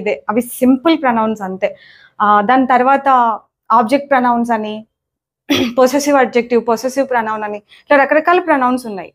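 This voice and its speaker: Young female language teacher, patient and repetitive, drilling grammar. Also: sits high. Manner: repetitive, checks in with "okay?" often. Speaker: English teacher. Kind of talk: spoken lesson explaining grammar.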